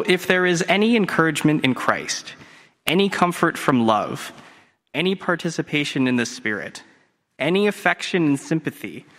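A man's voice: on the high side, fairly bright tone. Man reading scripture in cathedral echo. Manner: measured, formal reading cadence. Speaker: scripture reader. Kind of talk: liturgical reading. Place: church sanctuary. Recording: long reverb of a church hall.

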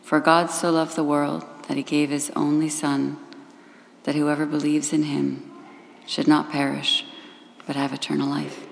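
Brief: low, level woman reader, cathedral echo, church reading. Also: flat delivery, creaky, slight background noise. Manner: measured, formal reading. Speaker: gospel reader in a church service. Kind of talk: liturgical scripture reading. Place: large church sanctuary. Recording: echoey church hall with long reverb and faint ambience.

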